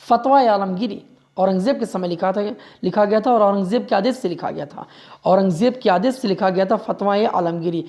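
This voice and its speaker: A man's voice: sits high, a little fast, darkish tone. A male history teacher giving an exam-prep lecture. He repeats each fact several times, keeps urging listeners to remember it, and sometimes corrects himself mid-sentence. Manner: drills facts by repeating them.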